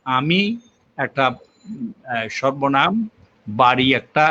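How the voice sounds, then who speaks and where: A man's voice: mid-range voice, very slow, sharp tone. An older man, a linguistics professor, patiently explaining with examples and frequent fillers in an interview. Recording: muffled lo-fi recording.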